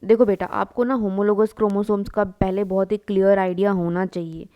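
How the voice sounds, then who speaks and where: A young woman gives a biology lecture in Hindi, drawing as she talks and slipping in English terms. Her mid-range voice is brisk with little pitch movement, and the audio is dull. She poses questions to her students, answers them herself, and calls them "beta."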